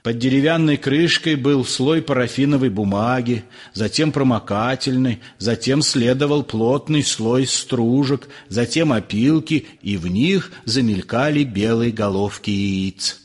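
A man narrating an audiobook in a measured, expressive reading. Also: mid-range voice.

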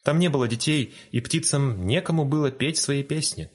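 A man reading a fairy tale aloud in a calm, gentle storytelling manner. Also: mid-range voice, moderate pace. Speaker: narrator. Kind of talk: storybook narration.

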